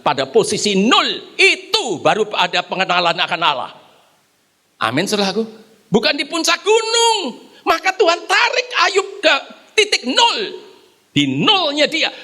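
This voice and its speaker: A man preaching in church, his voice pitched very high for a man, bright and ringing. He, swings widely up and down in pitch, and keeps turning to his listeners as brothers and sisters. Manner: animated preaching, often addresses the congregation as "brothers and sisters"; calls the congregation to applaud. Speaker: pastor. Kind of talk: sermon. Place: church service on site.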